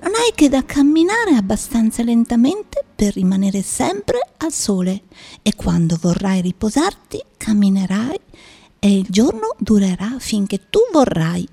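A woman's voice: medium pitch, big pitch swings, unhurried, vocal fry, warm tone, breathy edge, soft background music, exaggerated voice. A woman voicing a curious, earnest young boy prince in an audiobook drama, full of wondering questions.

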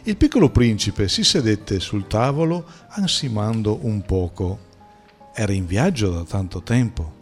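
Man, low voice, lively pitch, audiobook narration, faint music behind. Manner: measured storytelling.

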